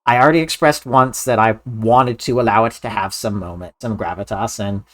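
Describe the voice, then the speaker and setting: A man giving casual video game commentary as a Let's Player, earnest and somewhat halting. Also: fairly low pitch, a bit bright.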